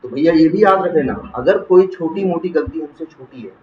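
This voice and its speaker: A man teaching software testing in to a class, asking questions and answering them himself. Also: a little high, animated, normal speed, a little hiss or hum. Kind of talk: classroom lecture. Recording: roomy, distant, muffled classroom recording.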